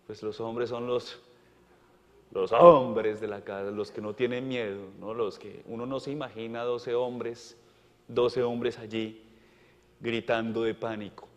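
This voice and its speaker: A male priest preaching a homily at Mass, emphatic and full of rhetorical questions, often repeating words. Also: medium pitch. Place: parish church. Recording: church with long reverb.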